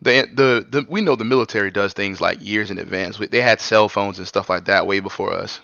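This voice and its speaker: Gravelly man, dull dry recording. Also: on the low side, brisk, sharp tone, dry recording. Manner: laid-back, says "y'all", storytelling asides. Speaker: podcast co-host. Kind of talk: casual podcast chat.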